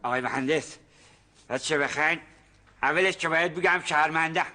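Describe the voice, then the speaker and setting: An actor playing a nervous rural farmer who tells his story in hushed, dramatic whispers, in a TV comedy series. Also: on the high side. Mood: secretive. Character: nervous rural male farmer, secretive and fussy. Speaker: farmer explaining a find.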